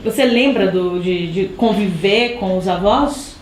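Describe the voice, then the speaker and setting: A woman's voice: mid-range voice, measured pace, darkish tone. Woman asking brief interview questions. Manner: short prompting questions. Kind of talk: oral history interview. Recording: echoey room, faint noise.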